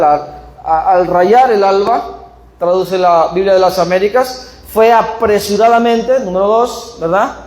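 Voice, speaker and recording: A man's voice: high voice, a little mellow. A man preaching a sermon in a church, emphatic, asking rhetorical questions and reading scripture aloud. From Panama. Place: church hall. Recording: echoey church room.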